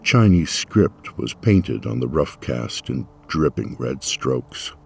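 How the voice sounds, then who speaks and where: A man reading a first-person novel aloud as an audiobook narrator, wry and expressive. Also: very deep voice, slow pace, gravelly, husky.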